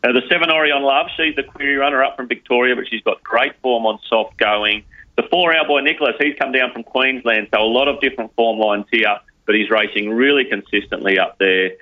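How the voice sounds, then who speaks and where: A man's voice: medium pitch, brisk. A man giving horse racing tips on a podcast, in punchy phrases full of numbers and names. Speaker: racing tipster. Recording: slightly muffled, lo-fi audio.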